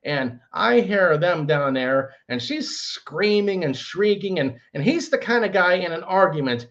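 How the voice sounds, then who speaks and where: A middle-aged man telling a rambling landlord story, acting out quotes in sudden shouts. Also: high voice, animated, a little slow, highs cut off. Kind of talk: casual storytelling vlog.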